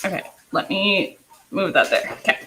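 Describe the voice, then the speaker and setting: A woman's voice: mid-range voice, expressive, normal speed, sharp tone, roomy sound, slight background noise, poor audio. A young woman with a Canadian accent, chatting casually and rambling with lots of fillers and casual swearing while she cooks in her kitchen. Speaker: cooking vlogger. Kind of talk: casual chat while cooking. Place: home kitchen.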